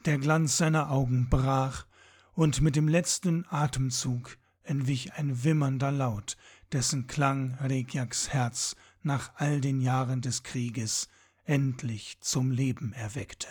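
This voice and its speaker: A man reading a fantasy audiobook in a measured, dramatic storytelling manner. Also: medium pitch, fairly even intonation, a little mellow, breathy edge. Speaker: audiobook narrator. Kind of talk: scripted fantasy narration.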